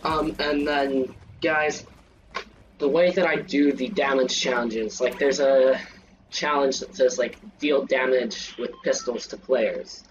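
A man's voice: mid-range voice, fairly even intonation, takes it slowly, muffled recording, a little hiss or hum. Rambling young man narrating his gameplay. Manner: rambling, many fillers. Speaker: gaming channel host. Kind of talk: casual gameplay commentary. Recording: distant mic with faint game music.

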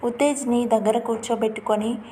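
Mellow woman storyteller narrating. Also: fairly high pitch, steady tone, fairly quick, slight background noise.

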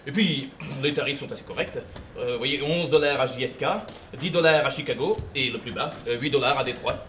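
An actor on a theatre stage playing a pompous, long-winded traveller who lectures about whisky. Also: male voice, medium pitch, fairly quick, a bit bright, a little hiss or hum, lightly acted. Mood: pedantic. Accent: French. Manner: pedantic, fussy, long-winded. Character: pompous middle-aged male whisky-loving traveller. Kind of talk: amateur stage play.

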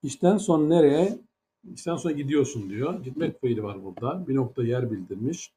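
A man's voice: mid-range voice, lively intonation, fairly quick, mellow. A man teaching an English grammar lesson in Turkish, with a Turkish accent in English. He explains patiently, step by step, and asks many rhetorical questions.

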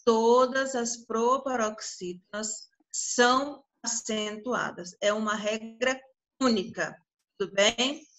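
A woman's voice: on the high side, fairly bright tone. A woman teacher with a Brazilian Portuguese accent giving an online grammar lesson, stretching out her example words and often checking in with the class. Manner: drawn-out syllables, frequent check-ins with the class.

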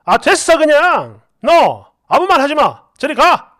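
A scornful, fed-up husband barks and scolds at full volume, as a woman puts him on. The voice sits high and leaps around in pitch. Each line lands as an angry complaint. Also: huge pitch swings, measured pace, dry recording, clean studio sound, full character voice. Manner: loud, exasperated scolding. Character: irritated, scornful adult husband.

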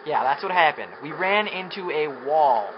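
A man giving gameplay commentary, frustrated, swearing and yelling at the game as he plays. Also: on the high side, moderate pace. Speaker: let's play commentator. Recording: muffled lo-fi recording with steady noise.

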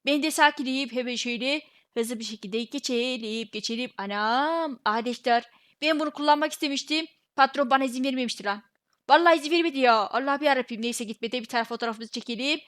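A woman's voice: high voice, quick pace, fairly bright tone. A woman giving casual, joking gameplay commentary, grumbling playfully as she talks to her viewers. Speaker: gaming video creator.

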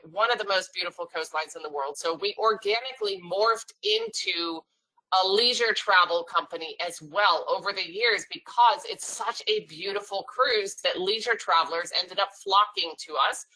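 A woman's voice: medium pitch, pushed and bright, low-quality recording. A woman from Norway giving a friendly, explanatory webinar presentation to travel agents, with a light sense of humor. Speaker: sales presenter for a cruise line.

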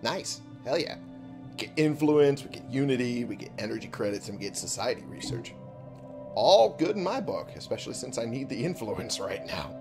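A man giving casual, informal gameplay commentary as a host, thinking out loud, reading on-screen text and swearing freely. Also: medium pitch, big pitch swings, moderate pace, music in the background. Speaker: video game let's-play host.

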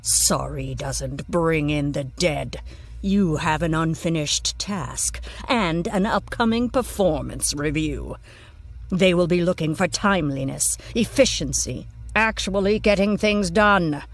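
A woman's voice: sits low, takes it slowly, faint music behind, full character voice. A woman voicing a stern, disgusted male demon boss who lectures coldly in a scripted audio story. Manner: cold, scornful lecturing. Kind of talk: scripted audio drama narration.

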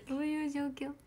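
Young woman idol streamer, bubbly and giggly, soft casual chat with viewers, voice on the higher side. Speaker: idol livestreamer. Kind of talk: casual livestream chat reading comments.

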